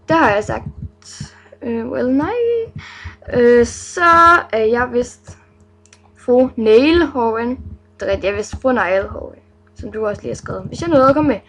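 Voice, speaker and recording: Young woman, teens, vlogger, higher pitch, chatty, giggly, playful. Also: husky, poor audio. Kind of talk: casual reading of viewer names.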